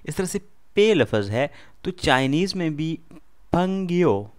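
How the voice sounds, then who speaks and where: Speaking at a normal speed, a man with a higher voice and big pitch swings teaches a beginner language lesson. Urdu is his first language and his accent shows it, and he patiently repeats words while quizzing the listener.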